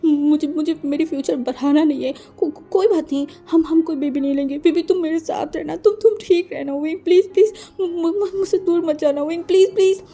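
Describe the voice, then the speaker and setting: Storybook: woman reading a frightened young man, stammering pleas, higher pitch. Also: fairly even intonation, rapid-fire, creaky, mellow, faint music behind, exaggerated voice. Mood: panicked pleading. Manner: stammering, repeating words. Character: distraught young man pleading in panic.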